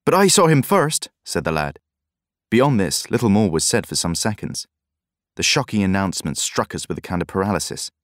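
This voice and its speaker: Low-voiced male narrator, steady reading, very dry close sound. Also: no echo. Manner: measured, even storytelling. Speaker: audiobook narrator. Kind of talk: scripted narration.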